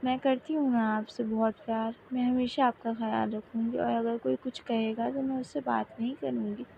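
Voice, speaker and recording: A woman's voice: a little high, level tone, normal speed, creaky, narrow, tinny audio, a little hiss or hum. A woman voicing a sweet, loyal little girl who coaxes and comforts her older sister-in-law, in a narrated story. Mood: affectionate.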